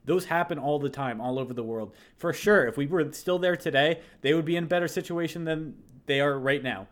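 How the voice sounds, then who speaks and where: Slightly high-voiced man making measured counterpoints. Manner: measured, conceding points before pushing back. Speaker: podcast co-host. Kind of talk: casual political debate.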